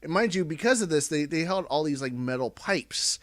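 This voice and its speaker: A man's voice: on the high side, expressive, a little fast, no echo. An American man telling a casual, rambling story to friends while drunk, swearing and repeating himself as he goes. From Indiana, United States.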